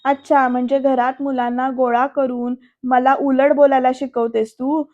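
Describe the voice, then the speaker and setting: A woman voicing a middle-aged husband who shouts angry, bullying threats, in a dull, lo-fi recording. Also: high voice, flat delivery, unhurried. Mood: harsh. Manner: loud, scolding.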